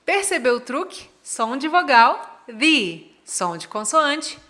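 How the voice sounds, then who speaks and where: A woman teaching English in a scripted lesson, slowing down to model each English phrase carefully. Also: sits high, lively intonation, sharp tone. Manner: slow, careful model pronunciations.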